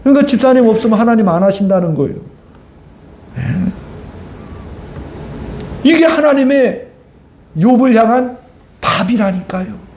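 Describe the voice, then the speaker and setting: A male pastor delivers an emphatic sermon, often turning to his congregation with rhetorical questions. His voice sits high but stays mellow and soft-edged. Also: animated, normal speed, pauses often, slight background noise.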